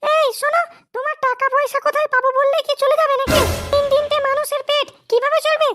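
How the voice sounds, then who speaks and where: A woman's voice: level tone, quick pace. A woman voicing an angry, nagging young wife who scolds her husband in a cartoon. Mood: scolding. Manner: scolding, shrill, demanding. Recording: loud background music.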